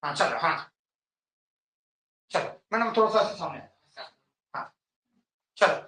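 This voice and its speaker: Male teacher running a class, bright voice, roomy echo, kinda far from the mic. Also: a little high, expressive, slow pace. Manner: instructive, repeats "ठीक है?" often, directs students. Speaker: English teacher. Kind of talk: classroom lesson. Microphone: camera at a distance. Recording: echoey room, voice from far off.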